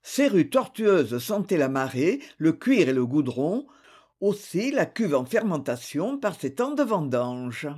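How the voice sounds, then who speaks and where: An audiobook reader giving a measured, expressive literary narration. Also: medium pitch, breathy edge.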